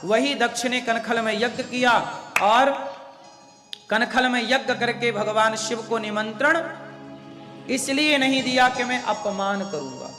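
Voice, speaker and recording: A preacher delivering a devotional sermon in a very high, bright voice. He speaks slowly and with emphasis, often putting questions to his listeners. His voice rings through a large echoing hall with soft music behind. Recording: echoey hall with long reverb.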